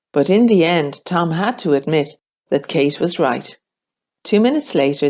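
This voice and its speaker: A woman reading a children's storybook aloud, slow, clear and expressive. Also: low voice, lo-fi sound.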